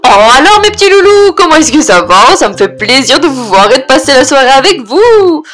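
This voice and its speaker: A woman's voice: high voice, very animated, brisk, fairly bright tone, faint music behind. A woman voicing a doting, pushy cartoon pig grandmother in an exclaiming, singsong way. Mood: doting, cheerful. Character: doting, pushy piglet grandmother who loves overfeeding children. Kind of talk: cartoon toy-play story.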